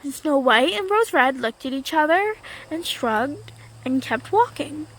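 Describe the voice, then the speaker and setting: High bright-voiced woman telling a story. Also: measured pace, rough recording. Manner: lively, unscripted, repeating phrases with small slips. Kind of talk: casual storytelling.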